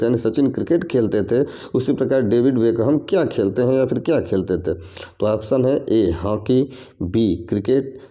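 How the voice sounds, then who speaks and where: Male exam-prep tutor, low and very mellow, patient and repetitive, walking through each question. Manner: explains step by step, repeats each question and its options. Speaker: exam coaching teacher. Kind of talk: reasoning lesson for competitive exams.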